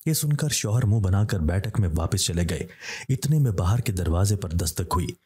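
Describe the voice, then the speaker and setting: Low husky male horror-story narrator. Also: animated, normal speed, a little mellow.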